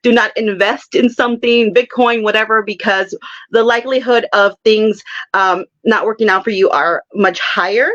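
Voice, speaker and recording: A woman's voice: mid-range voice, normal speed, a bit bright. Chatty laughing woman, lo-fi sound. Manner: chatty, laughs often, explains with examples. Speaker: psychic guest. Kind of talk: casual interview chat.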